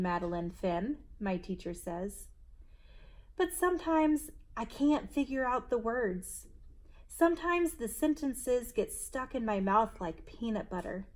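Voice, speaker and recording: At a children's story time, a woman with a slightly high voice reads aloud to young listeners, expressive and deliberate.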